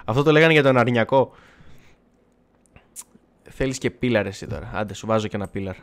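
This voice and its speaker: Male streamer, mid-pitched, loose running chatter to chat during live play, quick to swear and joke at himself. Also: expressive. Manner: chatty, self-mocking, swears, talks back to chat and the game. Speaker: gaming livestreamer. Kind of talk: casual live gameplay chat.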